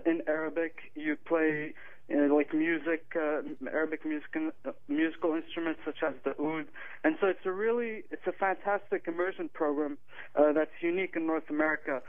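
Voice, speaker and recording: A man's voice: fairly high pitch, steady tone, a little fast. Man from Morocco on a tinny phone line. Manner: articulate, hesitant fillers. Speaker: author and Arabic teacher, phone guest. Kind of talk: radio interview over the phone. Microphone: telephone.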